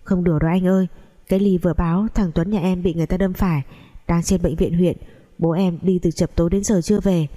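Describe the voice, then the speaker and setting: A woman's voice: lowish voice, steady tone, quick pace, warm tone, lightly acted. A woman voicing a worried young woman, an older sister who talks in an anxious, pleading way.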